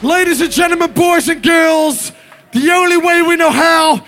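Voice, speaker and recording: A man working as a festival MC, shouting hype to a live crowd like a grand ringmaster announcing the show over music. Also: very high-pitched, normal speed. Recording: loud live stage PA with music.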